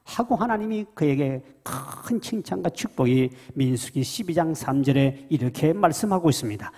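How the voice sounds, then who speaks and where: A male pastor preaches with a husky voice that leaps up and down in pitch. He swings between loud emphatic declarations and hushed, near-whispered asides. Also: lively intonation, normal speed, in a large hall. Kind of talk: sermon.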